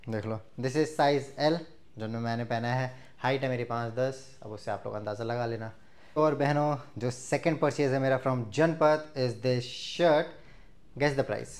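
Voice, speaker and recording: A man's voice: mid-range voice, darkish tone. A man in his twenties from India, chatting casually to viewers in a clothing haul, recorded indoors on a lapel mic. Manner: chatty, mixes Hindi and English, addresses viewers directly. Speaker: fashion vlogger. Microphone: clip-on lapel mic.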